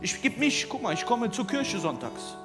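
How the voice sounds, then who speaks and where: A man preaching a sermon, dropping to hushed near-whispers and rising to loud, emphatic questions. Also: high-pitched, big pitch swings, normal speed. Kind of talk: sermon with soft piano. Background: soft instrumental music.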